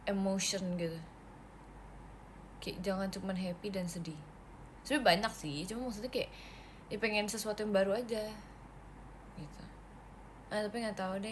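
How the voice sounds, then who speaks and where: A woman's voice: medium pitch, slight background noise. Playful young woman chatting on livestream. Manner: chatty, playful, giggly, reads comments aloud. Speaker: idol livestreamer reading viewer comments. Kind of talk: casual livestream chat.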